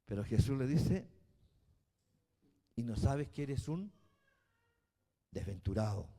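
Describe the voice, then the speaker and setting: A man, a bishop preaching a sermon, who swings from quiet, slow passages to shouted emphasis. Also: medium pitch, animated, vocal fry. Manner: spells out words slowly.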